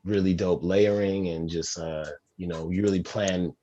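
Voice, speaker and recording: A man's voice: deep voice, fairly even intonation, moderate pace, dark tone. A man co-hosting a beat-making stream who chats in an easygoing, praising way with many fillers, heard over muffled lo-fi stream audio. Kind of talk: casual chat.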